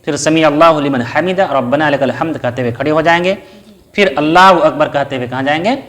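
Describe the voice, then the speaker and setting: A religious teacher with a fairly high, slightly bright voice talks a little quickly as he patiently walks through a lesson step by step. He poses questions, answers them himself, and recites short Arabic prayer phrases.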